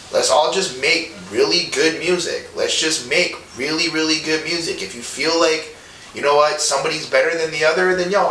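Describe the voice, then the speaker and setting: A man's voice: on the high side, pushed and bright, distant mic. Casting: young man in his twenties from Montreal, earnest and profane, loose rambling talk, recorded off-mic in a roomy space with faint hiss. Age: 20s. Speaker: rapper guest. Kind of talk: casual monologue interview.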